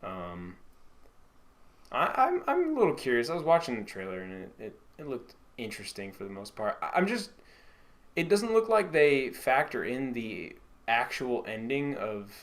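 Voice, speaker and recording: A man co-hosting a casual podcast chat, rambling and swearing freely, his sentences often trailing off quietly. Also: medium pitch, sing-song, normal speed. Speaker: podcast co-host.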